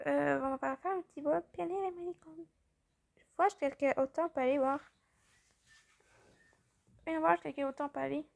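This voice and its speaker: A woman chatting through gameplay commentary, rambling and excitable, a little tired from just waking up. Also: high-pitched, fast, gravelly, pauses often. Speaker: gaming channel host.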